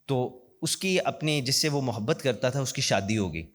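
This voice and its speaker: A man's voice: mid-range voice, lively intonation, fairly bright tone. Earnest man speaking in an echoing hall. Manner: earnest storytelling, slows for emphasis. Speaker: guest speaker. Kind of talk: inspirational speech mixing in English. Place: large university hall. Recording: long hall reverb.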